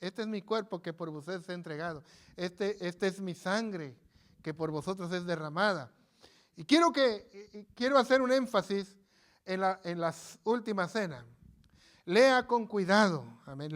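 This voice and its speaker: A man's voice: high voice, expressive, normal speed. A man preaching in a church, folksy and conversational, who often repeats himself and banters with his congregation. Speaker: pastor. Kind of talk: informal live sermon. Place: church sanctuary.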